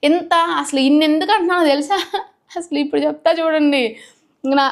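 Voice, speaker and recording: A middle-aged woman vlogger who runs a cooking channel, emotionally to her viewers and rising to sharp, indignant outbursts. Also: high-pitched, fairly even intonation, a little fast. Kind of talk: emotional talk to camera.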